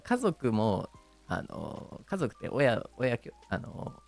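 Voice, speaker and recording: A man with a Kansai accent chats casually on his stream, his pitch swinging widely as he talks. He hesitates often, padding his sentences with fillers and breaking into frequent laughter. Soft music plays quietly behind him. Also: very animated, slow pace, vocal fry. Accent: Kansai Japanese.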